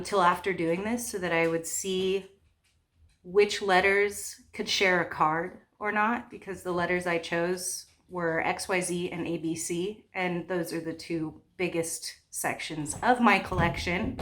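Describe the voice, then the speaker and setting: A woman's voice: on the low side, fairly bright tone. A woman vlogging from her home in a casual, chatty way, rambling with lots of "like"s. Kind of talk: casual chat to camera.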